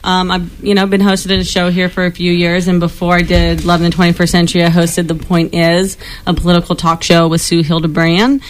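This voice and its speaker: This young woman, a radio host, appears as a guest in a studio interview, chatting quickly and laughing often. Her voice is on the low side and her delivery flat, with a slight hiss or hum in the background.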